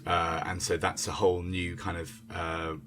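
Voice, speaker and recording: A theatre director introduces his creative team in an unscripted conversation recorded over a remote internet call. His low voice is monotone and moves at a normal speed, and he sounds hesitant and searching, often repeating and restarting his words.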